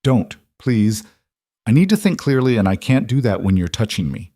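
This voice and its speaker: A man's voice: lowish voice, sing-song, normal speed, mellow, no echo, clean studio sound. A man voicing a guarded young businesswoman, pleading and unsteady, in a storybook narration. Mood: pained.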